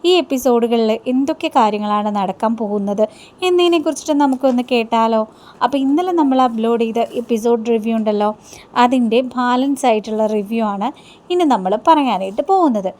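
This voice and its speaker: A woman's voice: fairly high pitch, fairly quick, darkish tone. Chatty woman retelling drama episodes. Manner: chatty, with many hesitation fillers. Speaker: serial review host.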